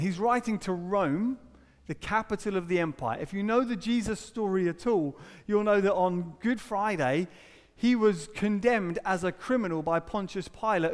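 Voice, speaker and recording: A man delivers a sermon in a high, light voice. He keeps it conversational, throwing in rhetorical questions and asides. His words ring out with a long reverb, as if filling a church hall. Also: a little mellow. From Britain. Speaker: preacher.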